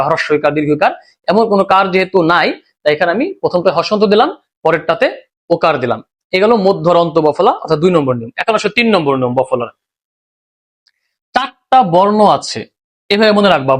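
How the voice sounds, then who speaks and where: A man with a high voice and a Bangladeshi Bengali accent delivers a recorded grammar lesson. He works through it step by step, repeatedly asking his students questions and supplying the answers himself.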